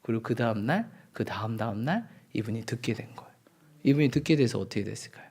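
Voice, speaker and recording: A male pastor delivers a sermon in a church, with a gravelly, rough-edged voice. His pitch rises and falls in a lively way as he tells a story and keeps asking the congregation questions. He shifts from loud exclamations to hushed, near-whispered asides. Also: fast talker. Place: church sanctuary.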